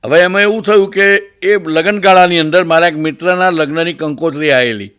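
Audience laughter accompanies a male stand-up comedian with a Gujarati accent as he does comic storytelling. He's animated and brisk, with a clean tone, and he raises his pitch to act out the characters.

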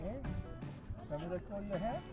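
An older grandparent filming a family day at a lake, talking gently and coaxingly to small grandchildren. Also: medium pitch, expressive. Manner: gentle, coaxing talk to small children, slow and chuckling. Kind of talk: casual family chat. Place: outdoors at a lakeshore. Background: background music.

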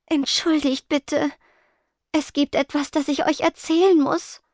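A woman voicing a shy, nervous teenage ghost girl who speaks softly and stammers. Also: sits high, normal speed, dry recording, studio quality, voice pushed up, close to an everyday voice. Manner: soft, stammering, timid.

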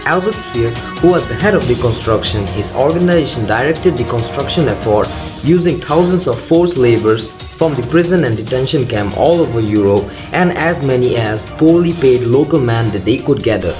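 A man hosts a video, reading scripted documentary narration at a moderate pace in a mid-range voice with lively intonation. Loud background music plays under his voice.

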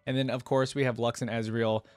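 Speaking briskly in a mid-range voice that barely shifts in pitch, a man in his twenties reacts casually to game voice lines, wondering aloud and quizzing his viewers. Faint music sits under his voice, picked up by a close desk microphone in his home setup.

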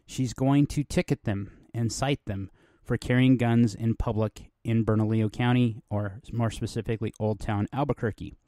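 A man's voice: mid-range voice, fairly even intonation, normal speed, dark tone, dry recording, clean studio sound. A middle-aged man from New Mexico hosting a podcast, talking in a rambling, conversational way with many fillers and restarts. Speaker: podcast host. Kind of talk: casual podcast monologue.

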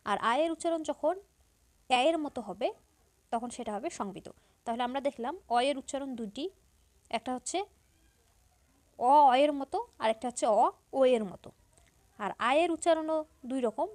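A woman teacher explaining pronunciation to school students, repeating example words slowly and step by step. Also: sits high. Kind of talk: Bengali grammar lesson for school students.

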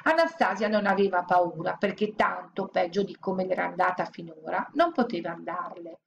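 A woman reading a children's story aloud as an audiobook, narrating in a steady, expressive way. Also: on the low side, moderate pace, creaky, muffled recording, a little hiss or hum. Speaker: audiobook reader.

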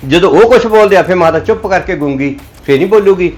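A man's voice: high voice, expressive, quick pace, darkish tone. A man playing a Punjabi son lecturing his mother. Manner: lecturing, warning. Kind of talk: family drama acting.

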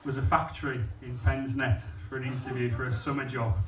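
A man from England, speaking briskly and flatly in a mid-range voice, tells a blunt stand-up story at his own expense into a handheld mic. The setting is a comedy club stage in a small venue with a live audience that laughs along. He's far from the off-axis mic, and the echoey room adds a little hiss or hum.

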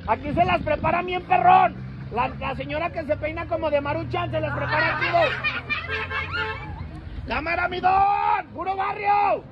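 A man with a Mexican accent working as a party clown in the street, loud and teasing, often shouting jokes at people around him. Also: very high-pitched, steady tone, normal speed, very noisy. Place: outdoors on a busy street. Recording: dull street recording with a loud crowd.

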